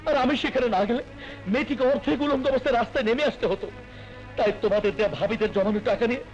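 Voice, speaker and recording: An earnest, soft-hearted young brother. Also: male voice, very high-pitched, dull audio. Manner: pleading, then shy and tender. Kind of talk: melodramatic film acting.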